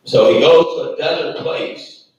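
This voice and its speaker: A man's voice: on the high side, a little slow, highs cut off. A man as pastor, preaching a sermon with a folksy manner, often saying "Amen" and chuckling between points. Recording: echoey church room from far off, faint background noise.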